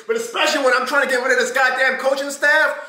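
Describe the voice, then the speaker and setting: Bright-voiced man ranting in echoey room. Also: very high voice, fast talker. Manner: animated, swearing, laughing while ranting. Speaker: host. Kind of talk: casual sports reaction rant. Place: living room at home.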